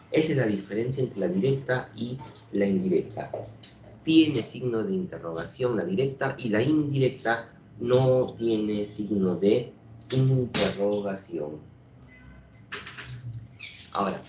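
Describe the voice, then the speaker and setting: Male teacher, animated and repetitive, echoey room, light hiss. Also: medium pitch. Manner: repeats points, asks rhetorical questions. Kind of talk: lively classroom lecture.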